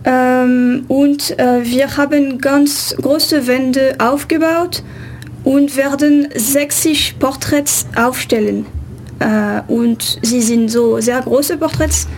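A woman's voice: sits high, fairly even intonation, takes it slowly, darkish tone, slight background noise. A woman photographer from France with a French accent, answering radio interview questions in hesitant, non-native German with frequent fillers.

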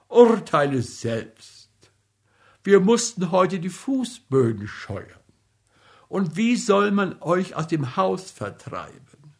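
A man's voice: on the high side, voice pushed up, heavily acted. A man reading aloud and voicing a playful, mocking middle-aged wife in a storybook reading. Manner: mocking, teasing.

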